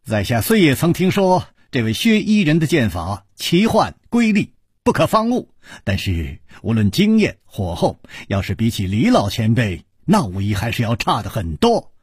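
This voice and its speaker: A man voicing a calm, modest male hero with a dry, easy humor. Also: medium pitch, normal speed, breathy edge, dry recording, full character voice.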